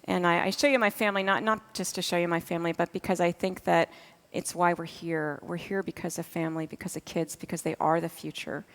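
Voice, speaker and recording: A woman in her fifties from Massachusetts, an astronaut giving a conference talk with slides. Her low, gravelly voice rambles warmly with "uh"s and restarts. It carries a long reverb from the hall behind the stage mic. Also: little pitch movement, brisk, hardly any pauses. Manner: warm, chatty, with frequent fillers and restarts.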